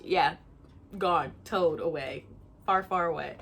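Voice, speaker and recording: A young woman vlogger telling a story to camera in a casual, animated, frank and profane way. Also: sits low, slow pace, creaky, breathy edge.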